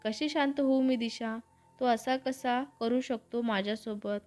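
A woman's voice: on the high side, fairly even intonation, measured pace, a little mellow, faint music behind, close to an everyday voice. A woman voicing a proud, hot-tempered young woman in a storybook reading. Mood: angry. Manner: angry, indignant.

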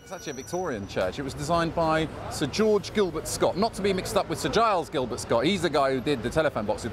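A man in his forties guiding a casual walking tour outdoors on city streets, playful and quick to laugh. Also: fairly high pitch, noisy background.

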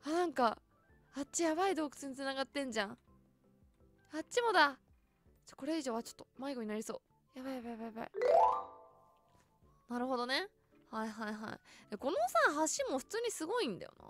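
A woman's voice: high voice, animated, fast talker, long pauses, fairly bright tone, faint music behind. A voice actress giving chatty, casual commentary as she tours a game world and keeps exclaiming in delight.

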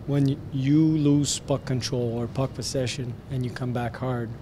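A man with a French Canadian accent speaks in a flat, even tone, answering reporters after a hockey game. He talks in a measured way, pausing on fillers and restarting phrases. Faint rumble sits behind him. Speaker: hockey head coach. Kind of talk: post-game press interview. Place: arena media backdrop, indoors. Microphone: handheld press mics close.

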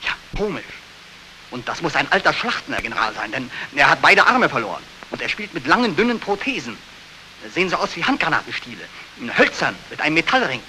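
Haunted young soldier, intensely piercing. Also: male voice, fairly high pitch, sing-song, fairly quick, pushed and bright, full character voice, rough recording. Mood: bitterly brooding. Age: young adult. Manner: intense, feverish, military deference. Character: haunted, sleepless young soldier back from war. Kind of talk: 1940s German film acting. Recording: hissy 1940s film soundtrack.

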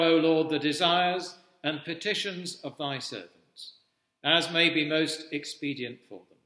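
A male Anglican priest in his 60s reads traditional prayers at evening prayer in a solemn, measured, formal manner. His bright, forceful voice leans higher, and it rings out from a wooden-panelled cathedral altar into an echoing space with long reverb.

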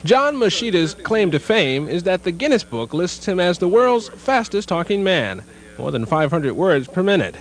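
A male news reporter narrating a television feature in a measured broadcast manner. His voice sits high and moves in lively swoops.

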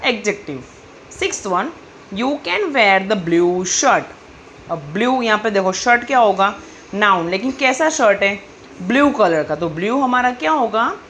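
A woman teacher explains grammar to children in a patient question-and-answer style, reading sentences slowly. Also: fairly high pitch, fairly bright tone, a little hiss or hum.

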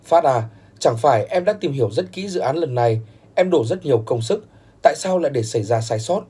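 Male narrator doing a calm, caring older brother with a husky voice. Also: medium pitch, fairly quick. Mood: concerned. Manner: gentle, concerned.

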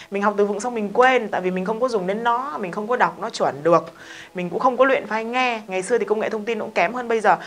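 A woman's voice: fairly high pitch, a bit bright. A woman teaching English pronunciation in a casual video lesson, explaining patiently and asking rhetorical questions. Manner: explains patiently, repeats example words slowly, asks rhetorical questions.

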